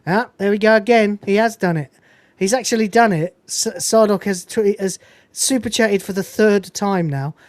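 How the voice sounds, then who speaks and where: A podcast host with a high voice speaks at a moderate pace, with no room sound, in a casual film review. He's animated and swears now and then, quoting film lines in put-on voices.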